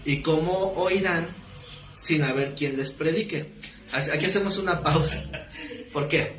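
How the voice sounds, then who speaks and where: A man leads a Bible study class in a somewhat higher voice, walking through each verse and quizzing his listeners as he goes. The room echoes noticeably around him, and a faint hiss sits underneath. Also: a little slow, fairly bright tone. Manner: explanatory, reads scripture aloud, asks the class questions. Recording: roomy echo with faint noise.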